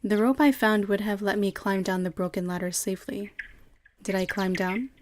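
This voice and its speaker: A woman streamer in a home setup, reading the on-screen text of a game aloud at a measured pace. Between passages she answers her chat in quick, casual asides. Her pitch sits in an ordinary middle range. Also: steady tone, slight background noise.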